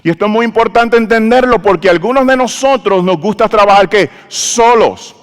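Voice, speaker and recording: A man's voice: high-pitched, lively intonation, moderate pace. A man preaching a sermon in a church, leading the congregation in call-and-response and asking them questions. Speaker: pastor. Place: church sanctuary. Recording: church hall with long reverb.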